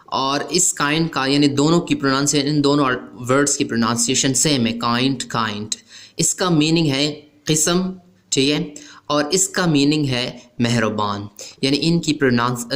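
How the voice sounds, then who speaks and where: Male teacher, calm classroom explainer, methodical, checks in with "okay" after each step. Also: mid-range voice. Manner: methodical, repeats "okay" after nearly every point; mixes English terms into everyday speech. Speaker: English grammar teacher. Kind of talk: explaining a grammar lesson over written examples.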